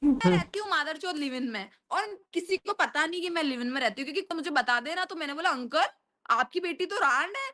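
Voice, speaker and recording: High-pitched, foul-mouthed young woman. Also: background noise. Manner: fast, profane, animated storytelling. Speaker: stranger on a video chat. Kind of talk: casual storytelling on a video chat. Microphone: video call.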